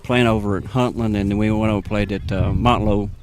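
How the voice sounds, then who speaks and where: A middle-aged man with a Tennessee accent doing casual, folksy play-by-play for a high school softball game. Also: fairly even intonation, quick pace, slight background noise. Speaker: play-by-play announcer. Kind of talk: local radio sports commentary.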